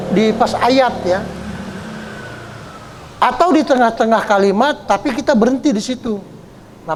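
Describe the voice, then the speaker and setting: A man teaching Quran reading rules step by step, often tagging his sentences with "ya" and drawing out example words slowly. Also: sits high, a little mellow, slight background noise. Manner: explains step by step, often adds "ya"; draws out example words slowly when chanting them. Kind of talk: Quran recitation lesson. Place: study gathering hall.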